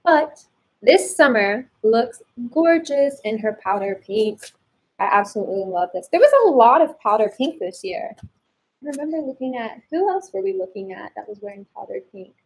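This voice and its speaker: A woman's voice: on the high side, lively intonation, normal speed, breathy edge, low-quality recording. A woman hosting a casual fashion color chat, upbeat and explaining things to viewers. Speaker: color analyst host.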